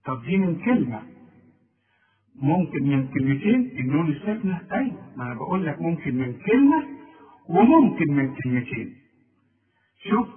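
A man with an Egyptian Arabic accent teaching a tajweed lesson, patiently quizzing the listener with questions he answers himself and slowly drawing out recited examples with a nasal hum. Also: on the high side, recorded from a distance. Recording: tinny phone-like sound.

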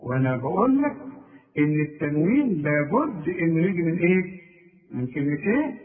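High-voiced Egyptian man teaching tajweed. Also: sing-song. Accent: Egyptian Arabic. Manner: drills examples, chanting them slowly. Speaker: Quran recitation teacher. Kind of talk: tajweed lesson. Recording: tinny lo-fi recording from far off.

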